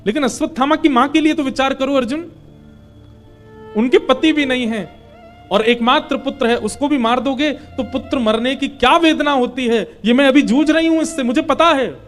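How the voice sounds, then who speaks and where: A man's voice: very high-pitched, moderate pace, soft background music, voice pushed up. A man voicing a grieving mother and queen who pleads for her enemy's life in a devotional story. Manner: pleading, sorrowful.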